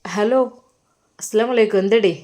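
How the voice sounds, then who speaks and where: A woman voicing an affectionate older male religious teacher who speaks with a Malappuram Malayalam accent and gives quiet, fatherly advice. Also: medium pitch, moderate pace, natural voice. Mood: calling.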